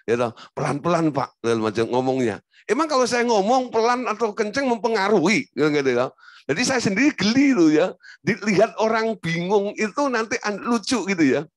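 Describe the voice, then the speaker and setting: Lively storytelling male pastor. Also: sits high, fairly quick, dry recording, clean studio sound. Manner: storytelling, acts out quotes, asks rhetorical questions. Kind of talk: sermon.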